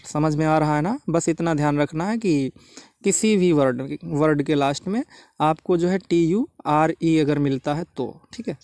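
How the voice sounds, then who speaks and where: A man's voice: a little high, a little mellow, smooth, dry recording. A man teaching English pronunciation in a repetitive lesson style, checking often that students follow. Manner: repetitive, checks understanding with frequent "theek hai". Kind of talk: classroom-style spoken lesson.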